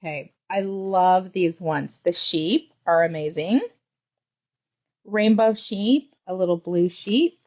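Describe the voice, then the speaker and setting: A woman's voice: lowish voice, slow pace, a little mellow. Woman livestream host, chatty and enthusiastic, slightly dull audio. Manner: chatty, gushing, thinks aloud while handling items. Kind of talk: casual product showcase livestream.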